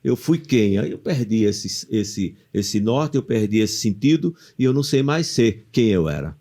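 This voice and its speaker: Animated Brazilian man asking rhetorical questions. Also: on the low side, unhurried. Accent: Brazilian Portuguese. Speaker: podcast co-host. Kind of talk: casual motivational chat.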